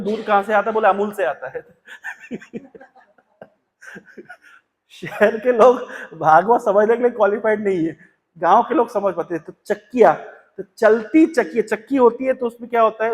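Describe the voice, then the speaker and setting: A man giving a scripture class in Hindi, telling stories and slowly reciting couplets. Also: high voice, big-room sound. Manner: storytelling, quotes couplets slowly and deliberately. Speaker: Bhagavatam class speaker. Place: temple hall.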